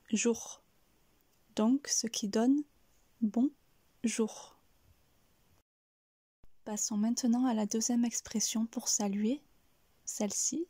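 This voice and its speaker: A woman giving a careful pronunciation lesson, breaking each word into syllables in a soft, breathy delivery. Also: on the high side, dry recording. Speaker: French pronunciation teacher.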